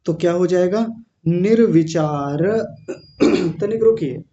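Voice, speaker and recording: A male teacher leading a recitation class, chanting verses syllable by syllable, correcting pronunciation and often clearing his throat. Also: high voice, slow, warm tone, lo-fi sound. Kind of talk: online class pronunciation drill.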